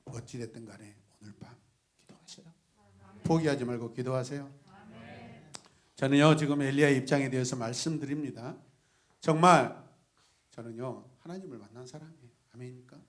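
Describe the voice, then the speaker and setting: A male pastor preaching an animated sermon, shifting between soft asides, laughter and sudden shouts as he calls out to the congregation. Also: medium pitch, moderate pace, pauses often. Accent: Gwangju.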